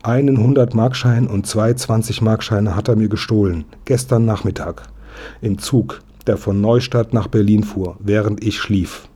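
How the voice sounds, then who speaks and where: A man's voice: lowish voice, steady tone, normal speed, mellow, slightly rough. A man voicing an indignant, eager young boy in a storybook reading, talking in agitated outbursts.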